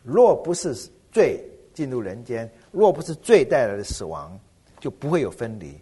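A middle-aged man, a pastor, preaching a sermon with animated rhetorical questions. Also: mid-range voice, normal speed, breathy edge.

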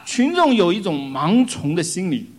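A man with a high, animated voice preaching a sermon. He speaks in short, measured teaching phrases and pauses after each one. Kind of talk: sermon in Mandarin with interpreter.

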